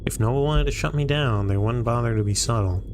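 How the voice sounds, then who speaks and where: A man's voice: medium pitch, fast, darkish tone, a little hiss or hum, close to an everyday voice. A man voicing a sardonic, guarded male investigator in a fandub, speaking drily. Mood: dry. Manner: dry, sardonic. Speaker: stream host reading the lead.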